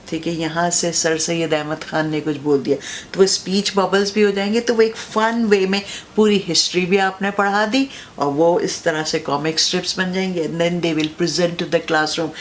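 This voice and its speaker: A woman teacher with a low voice talks other teachers through classroom ideas. She explains step by step, keeps checking in with her listeners and drops English phrases into her sentences. A faint hum sits behind her. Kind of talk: teacher-training talk.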